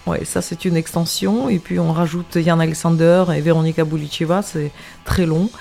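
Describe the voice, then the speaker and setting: A woman's voice: low voice, steady tone, normal speed, creaky, warm tone, faint music behind. A half Russian, half French woman who sings, a guest on a radio chat, explaining things patiently with many hesitations. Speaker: singer, show guest. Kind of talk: casual radio interview. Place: radio studio.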